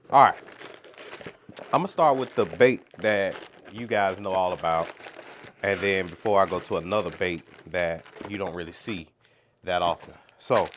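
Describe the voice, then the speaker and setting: A man's voice: on the low side, fairly bright tone, a little hiss or hum. A congested man, talking through his nose, who hosts a fishing channel and rambles chattily through a casual unboxing vlog.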